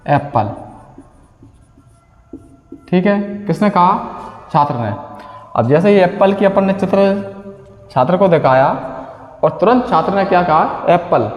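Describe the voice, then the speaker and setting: A fairly high-voiced man teaches an exam-prep lesson, firing off quick questions and answering them himself in a lower, quieter word. The room rings with a long, echoey reverb. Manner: asks questions and answers them himself, repeats key terms.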